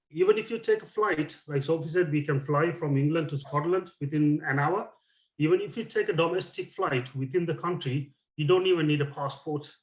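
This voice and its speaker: A man adding points to a training session in a measured way, with fillers now and then. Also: a little high, reverberant, poor audio. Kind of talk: online training discussion.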